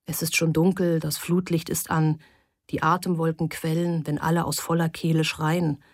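A woman reading the part of a calm, careful grown man in an audiobook, in a soft and coaxing way. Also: deep voice, normal speed, dry recording, clean studio sound. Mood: earnest. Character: calm grown man, a gentle, cautious father figure.

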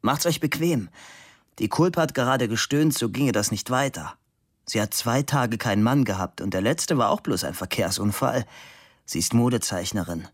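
A man reading aloud, voicing a brusque, sharp-tongued woman sculptor who barks orders at her model. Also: medium pitch, lively intonation, moderate pace, no room sound, studio quality, natural voice. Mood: mocking. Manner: commanding, barking orders.

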